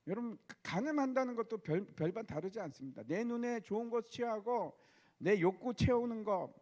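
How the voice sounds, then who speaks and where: A man's voice: high voice, animated, brisk, a little mellow. A male pastor preaching a sermon, posing rhetorical questions to the congregation.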